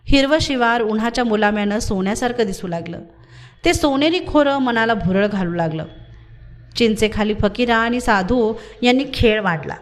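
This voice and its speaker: A woman reading a novel aloud as an audiobook narrator. Her voice is fairly high and her delivery is even and measured, in a steady storytelling manner.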